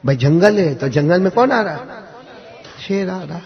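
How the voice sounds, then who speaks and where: A man telling a religious story to children in a lively way, often asking them to answer back. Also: sits high, highs cut off, a faint crowd. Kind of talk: animated storytelling to a young audience.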